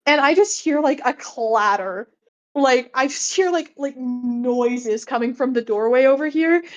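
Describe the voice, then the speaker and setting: A woman livestreamer chatting casually with friends in a playful, animated gamer-girl manner. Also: high-pitched, a little slow, highs cut off. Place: home office.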